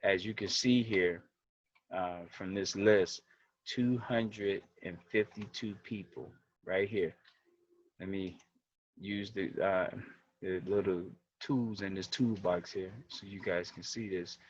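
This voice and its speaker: Earnest low-voiced man presenting. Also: fairly even intonation, takes it slowly, dull audio. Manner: earnest, walks through web pages on screen. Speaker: community organization leader. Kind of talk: livestream presentation.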